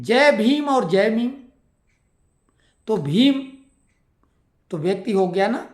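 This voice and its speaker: A woman delivering an opinionated monologue as a political commentator, building her points through a string of pointed rhetorical questions. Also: fairly high pitch. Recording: roomy echo.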